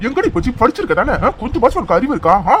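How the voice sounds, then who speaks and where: Stern protective cartoon young man , voiced by a performer, mid-pitched, scolding, faint hiss. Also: darkish tone, lightly acted. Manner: scolding, rapid-fire questions.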